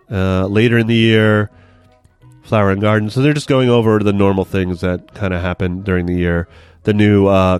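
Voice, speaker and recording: Low-voiced chatty male podcast host. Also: clear, resonant tone, no echo. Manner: chatty, runs the quiz game. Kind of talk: casual chat.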